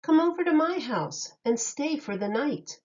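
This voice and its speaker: Reading a children's rhyming story, a teacher takes her time and lets her voice rise and fall in a bouncy sing-song. Every phrase comes out clearly for young children, though the audio is a bit dull and lo-fi.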